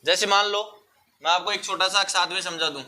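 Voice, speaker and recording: Bright-voiced man teaching a class. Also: high-pitched, fairly even intonation, a little fast. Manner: explains patiently, addresses pupils as beta, mixes English words. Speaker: school teacher. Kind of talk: classroom Hindi lesson.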